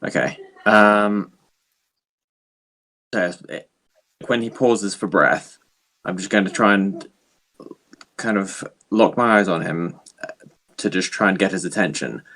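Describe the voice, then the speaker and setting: Deep-voiced man playing a tabletop game. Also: slow, long pauses, sharp tone, low-quality recording. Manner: tentative, repeats words as he plans. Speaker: player. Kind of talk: tabletop role-play.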